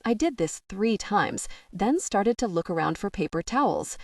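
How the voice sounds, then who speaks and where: A woman reading a first-person romance audiobook with wry, expressive storytelling. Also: medium pitch, moderate pace, no echo, clean studio sound, distant mic. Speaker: audiobook narrator.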